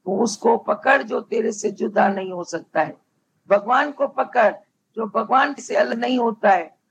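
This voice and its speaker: A woman spiritual teacher giving a devotional discourse, speaking slowly and deliberately and repeating her key phrases. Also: fairly high pitch, gravelly. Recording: dull lo-fi with faint background hum.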